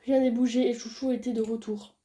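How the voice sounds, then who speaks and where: A young woman reading a visual novel aloud and chatting casually about the game as she plays. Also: fairly quick. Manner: reads game dialogue in a soft low voice, chats loudly and excitedly between scenes. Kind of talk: casual let's-play commentary.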